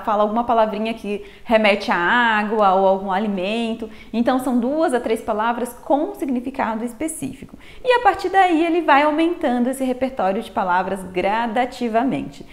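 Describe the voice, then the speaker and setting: A Brazilian woman with a Brazilian Portuguese accent, explaining baby development to viewers in a friendly teaching manner and often calling them "gente". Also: on the high side. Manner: warm didactic, addresses viewers as "gente". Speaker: pediatric health educator. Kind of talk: explanatory talk to camera.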